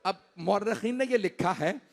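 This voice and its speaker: A man's voice: high voice, measured pace, creaky. A man preacher reciting a mourning sermon. He tells the story with mounting passion, speaks straight to his listeners, and rises to cries. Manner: impassioned storytelling, builds to cries; addresses the audience directly. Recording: long hall reverb.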